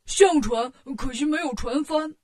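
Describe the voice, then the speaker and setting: A woman's voice: high-pitched, unhurried, a little mellow. Zhu Bajie, a woman doing a whiny pig-monk. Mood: jokey. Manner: gasping, whiny exclamations. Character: clumsy greedy male pig-monk, easily startled. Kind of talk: children's storybook reading.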